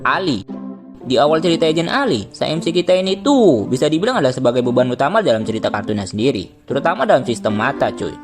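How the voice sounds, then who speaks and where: A young man with an Indonesian accent provides casual, slang-filled comedic commentary for a video, joking and swearing freely. His medium-pitched voice is animated and fast, with music playing behind it.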